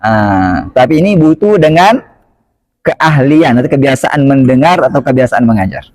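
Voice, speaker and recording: A man teaching Quran recitation rules, slowly modelling each word several times and asking the listeners quick questions. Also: mid-range voice, expressive, a little mellow. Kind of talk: tajwid lesson.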